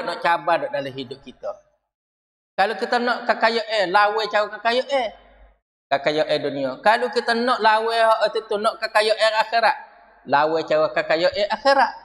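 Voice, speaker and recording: A man with a Kelantan-Pattani Malay accent delivers a religious lecture in a mosque. His voice sits high for a man and lurches between raised, emphatic phrases and near-whispered drops. The sound carries a long hall echo. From southern Thailand. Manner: storytelling with sudden rises and drops in pitch and loudness.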